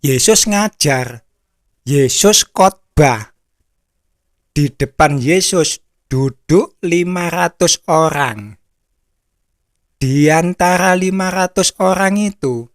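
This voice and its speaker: A man's voice: fairly high pitch, no echo, studio quality. A man preaching a sermon, telling a story in a blunt, repetitive way.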